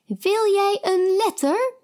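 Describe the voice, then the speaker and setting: A woman's voice: very high-pitched, animated, slow, a little mellow, pitched above the performer's own voice, exaggerated voice. A woman voicing an odd princess who eats letter cookies, blunt and haughty. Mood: teasing.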